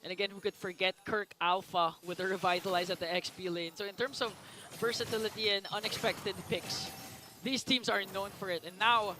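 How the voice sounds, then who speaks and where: A man calling live esports play-by-play, speeding up with excitement as the action breaks out, on a headset mic. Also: high-pitched, background noise. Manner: excited, fast bursts calling plays.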